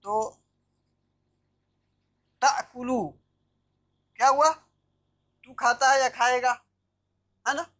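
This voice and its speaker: A woman's voice: high voice, fairly even intonation, extremely slow, pauses often, a bit bright. A woman teaching Arabic grammar in a live online class over a video call, explaining step by step and often checking that students follow. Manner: explanatory, checks understanding with "theek hai na".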